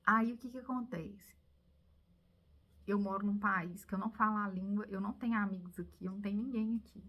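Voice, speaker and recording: A Brazilian woman vlogging, telling viewers a personal story in an animated, confiding way that now and then drops to a whisper. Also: mid-range voice, a little fast, highs cut off. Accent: Brazilian Portuguese.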